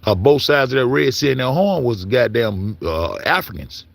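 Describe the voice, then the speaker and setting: This male commentator, medium-pitched and creaky with lively intonation at a normal pace, goes on an angry, cursing monologue. He trips over his words and circles back to the same points while arguing.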